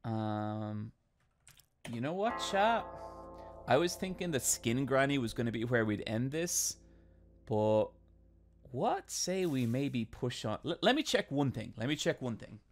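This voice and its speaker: A streamer in his thirties with an Irish accent plays a game in his home bedroom and chats casually with his live chat, reading and answering messages and swearing now and then. His medium-pitched voice has lively intonation and a measured pace, picked up by a desk mic with a webcam, with faint music in the background.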